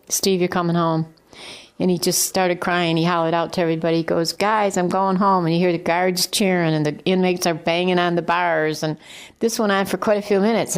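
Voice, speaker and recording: Brief: older mother, documentary interviewee, lively retelling, acts out quotes, slightly low voice. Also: clean tone. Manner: vivid storyteller acting out quotes. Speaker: mother of the exonerated man.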